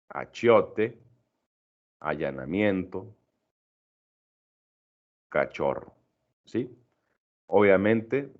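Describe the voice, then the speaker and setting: A middle-aged male teacher giving a recorded lesson, explaining patiently, checking in with his students and often correcting himself mid-sentence. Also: low voice. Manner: frequent fillers and self-corrections. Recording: dull lo-fi recording.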